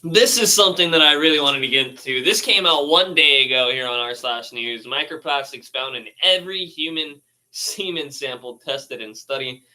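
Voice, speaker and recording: Laid-back swearing man with a bright voice. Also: mid-range voice, normal speed, low-quality recording. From United States. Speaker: streamer reading news posts. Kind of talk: casual rambling commentary.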